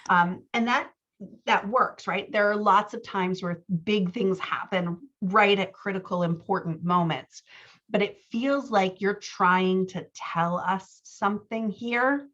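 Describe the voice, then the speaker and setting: With a mid-range, slightly bright voice and a slow pace, a writing coach and podcast host offers a conversational critique of a manuscript. She explains and thinks aloud, often pausing on "right?", and the sound is lo-fi.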